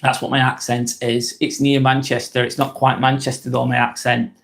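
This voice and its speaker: A gravelly, mid-range voice belongs to a man with a northwest England Lancashire accent running a casual live vlog. He speaks at normal speed with a completely flat delivery, rambling bluntly, swearing casually and often restarting sentences.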